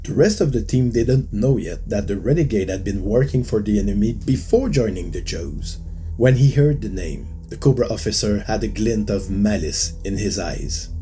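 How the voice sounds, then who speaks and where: A man whose first language is not English, narrating a tabletop game session recap as game master, in a measured storytelling manner. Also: on the low side, expressive, warm tone, soft background music.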